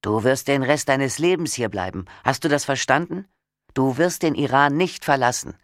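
A man's voice: mid-range voice, normal speed, no room sound, clean studio sound, natural voice. A man reading as a cold, commanding husband. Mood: domineering. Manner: calm, firm, growing menace. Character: cold domineering husband, calm then gloating. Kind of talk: audiobook reading.

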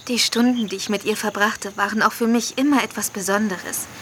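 An actress playing a warm-hearted young woman teacher in a radio play, speaking in a heartfelt, gentle way. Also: mid-range voice, fairly even intonation, fairly quick, a little hiss or hum, lightly acted. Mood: tender, sad.

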